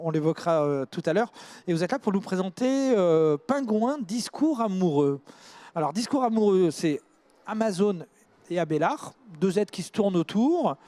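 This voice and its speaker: High-voiced male interview host. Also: no echo. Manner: relaxed, encouraging, reads guest bios. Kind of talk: literary interview hosting.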